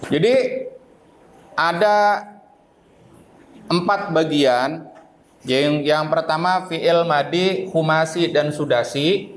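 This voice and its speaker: Slow, deliberate male grammar teacher. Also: fairly high pitch, poor audio. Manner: slow and deliberate, explains with questions to the class. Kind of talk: classroom lesson.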